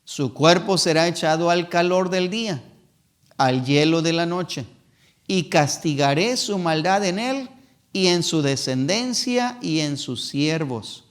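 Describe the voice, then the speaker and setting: Male evangelist, fairly high voice, emphatic church sermon, slow deliberate scripture reading. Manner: emphatic preaching, voices imagined excuses in a raised voice; reads scripture slowly and deliberately.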